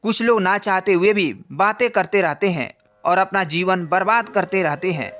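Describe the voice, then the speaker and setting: A man voicing a wise old male guru in a storybook, gentle and patient, teaching in a measured way. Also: sits high. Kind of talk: scripted storybook narration.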